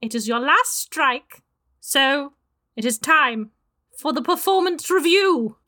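A prim, shrill HR manager, put on by a woman running a tabletop game, who squeaks high and scolds sharply about paperwork. Her voice is bright and piercing, with a fussy, impatient bite. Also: animated, slow, full character voice. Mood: scolding. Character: shrill, fussy, bossy HR manager obsessed with forms.

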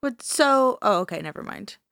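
A woman's voice: mid-range voice, expressive, moderate pace, vocal fry, a bit bright, dry recording, clean studio sound. A woman co-hosting a casual podcast, reacting to the story with laughs, swearing and little gasps. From Canada. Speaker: podcast host.

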